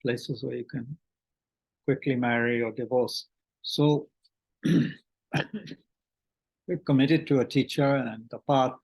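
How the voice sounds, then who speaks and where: A man teaching Buddhist meditation online, speaking haltingly with many fillers, restarts and throat-clearing, and reading out questions from the chat. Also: mid-range voice, fairly even intonation, a little mellow, low-quality recording.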